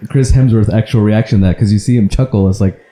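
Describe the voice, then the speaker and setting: A man's voice: on the low side, fast, dark tone, reverberant. A man co-hosting a podcast, chatting casually about movies, laughing often and trailing off mid-sentence. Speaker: podcast co-host.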